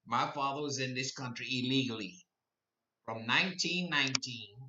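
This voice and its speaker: A man's voice: medium pitch, normal speed, background noise. A man in his eighties hosting a live-stream podcast, rambling and repeating himself, then rising to impassioned declarations. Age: 80s. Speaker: podcast host. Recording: echoey, distant, dull lo-fi.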